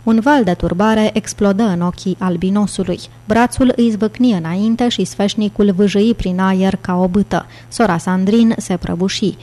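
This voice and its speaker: A woman reading an audiobook with steady, even storytelling. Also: medium pitch, few pauses. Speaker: audiobook narrator. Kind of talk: scripted audiobook narration.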